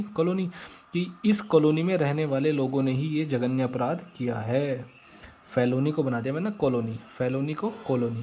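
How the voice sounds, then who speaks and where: Mellow-voiced man drilling vocabulary tricks. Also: a little high. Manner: repetitive, drills rhyming memory tricks. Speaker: vocabulary teacher. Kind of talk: casual explanatory lesson.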